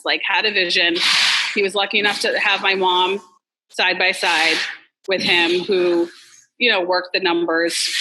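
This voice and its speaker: Restaurant owner lady from massachusetts chatting, bright tone, says like a lot, swears now and then. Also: lowish voice, a little hiss or hum, rough recording. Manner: chatty, candid, fillers like "like" and "you know", swears. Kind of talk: casual interview chat.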